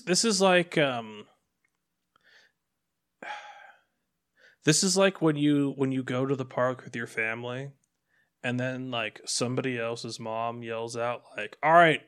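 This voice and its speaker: A man co-hosting a motorcycle podcast in casual chat, animated and acting out little quotes as he talks. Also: mid-range voice, clean tone. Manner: animated, acts out quotes, restarts often. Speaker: podcast co-host.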